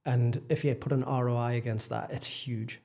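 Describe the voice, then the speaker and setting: At a normal speed, a man from northeast England with a Geordie accent chats as a podcast guest, being candid and making light of himself. He's a property developer, and his medium-pitched voice is slightly mellow with fairly even intonation.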